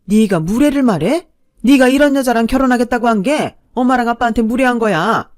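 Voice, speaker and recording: A woman voicing a snobbish middle-aged mother who talks down to others in a shrill, domineering way. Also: expressive, fairly quick, natural voice. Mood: contemptuous. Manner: shrieking, scornful, loud.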